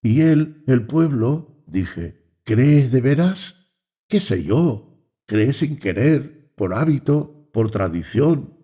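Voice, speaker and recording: A man reading the lines of an earnest, doubting young brother in an audiobook, reasoning slowly. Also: mid-range voice, animated, dark tone, breathy edge, pitched above the performer's own voice.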